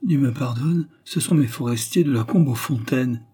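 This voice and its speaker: A man reading an audiobook, voicing a lively young woman with a raised, bright tone. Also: mid-range voice, moderate pace, breathy edge, natural voice. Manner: bright, lifted tone.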